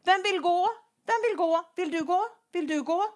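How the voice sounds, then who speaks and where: A woman's voice: very high voice, pitched above the performer's own voice. A woman preacher voicing God as an earnest, searching male figure who calls out the same questions again and again. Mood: pleading. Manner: pleading, repeated calls.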